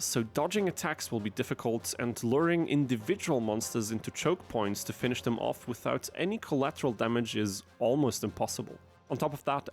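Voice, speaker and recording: Man, scripted gameplay narration, mid-range voice, dry wry humor, faint music behind. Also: medium pitch. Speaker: gaming video narrator.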